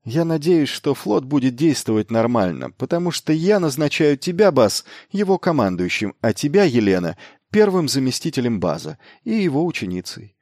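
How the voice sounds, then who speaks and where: Brief: male narrator doing a quick, commanding young lord, lifted pitch, dry close sound. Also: very animated, darkish tone, dry recording. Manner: brisk, commanding, ironic. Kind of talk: audiobook character voice.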